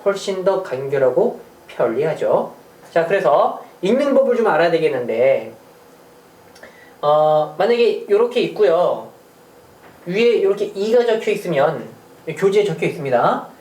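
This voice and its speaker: Math teacher for an online lecture, animated rise and fall, a touch off-mic in an echoey room. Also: mid-range voice, normal speed. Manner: chatty, asks rhetorical questions, small jokes. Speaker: middle school math teacher. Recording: roomy sound from a distant mic.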